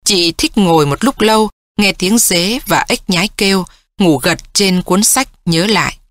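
Audiobook narrator, woman, measured and even, dry close mic. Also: mid-range voice, no room sound. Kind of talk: scripted narration.

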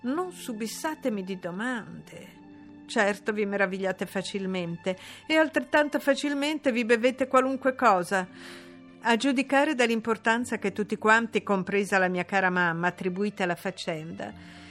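A woman's voice: mid-range voice, normal speed, fairly bright tone, soft background music, natural voice. A woman reading an audiobook, voicing a haughty, imperious young noblewoman who gives orders. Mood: scornful. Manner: imperious, commanding.

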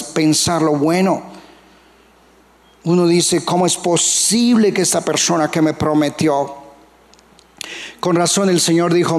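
Emphatic Colombian pastor preaching. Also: male voice, a little high, vocal fry, in a large hall. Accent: Colombian Spanish. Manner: emphatic, rhetorical questions to the congregation. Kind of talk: sermon. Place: church hall.

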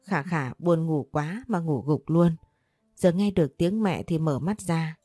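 A woman narrating a scripted audio story with a steady, dramatic delivery. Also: sits low, measured pace, dry recording, clean studio sound, faint music behind.

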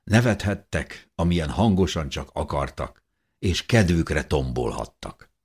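A man reading a first-person story aloud in a calm, measured way. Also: a bass voice, husky. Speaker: audiobook narrator. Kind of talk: scripted first-person narration.

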